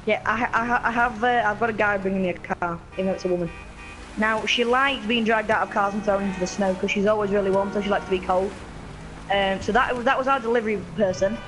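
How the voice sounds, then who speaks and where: Speaking fast in a fairly even tone, this high-voiced gaming host chats his way through gameplay while hiccuping. He rambles a little and comes across chatty and somewhat scattered, over music in a low-quality recording.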